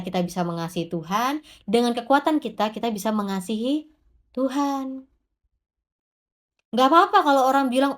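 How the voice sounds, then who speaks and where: A woman giving an informal devotional sermon, talking straight to the congregation and answering her own rhetorical questions. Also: on the high side. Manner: addresses the congregation directly. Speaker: preacher.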